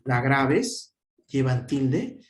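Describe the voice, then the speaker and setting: A man teaches a grammar lesson in an echoey room. He talks slowly, drawing out the syllables. His voice rises and falls a great deal as he asks questions and answers them himself. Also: medium pitch, sing-song, a little hiss or hum.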